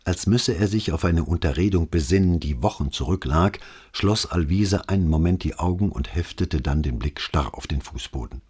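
Deep, husky male audiobook narrator. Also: expressive, darkish tone. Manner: measured storytelling. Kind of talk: audiobook reading.

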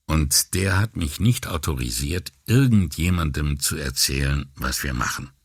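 A man reading an audiobook voices a reserved, wary male agent who speaks quietly and carefully. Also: rumbling low, expressive, a little slow, slightly rough, dry recording, studio quality, full character voice. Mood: guarded. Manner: guarded, quiet. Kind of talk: audiobook character voice.

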